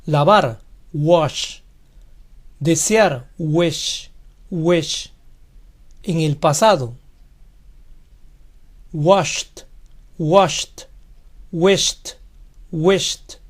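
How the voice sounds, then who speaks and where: A teacher walks through a scripted pronunciation lesson at a very slow, unhurried pace. Each example word is said carefully and then repeated, in a voice of middling pitch. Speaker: English teacher.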